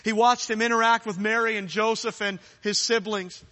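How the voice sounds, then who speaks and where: A man's voice: sits high, fairly even intonation, normal speed, pushed and bright. Man, preacher, sermon, fervent, reverberant hall. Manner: urgent, rising to fervent challenges.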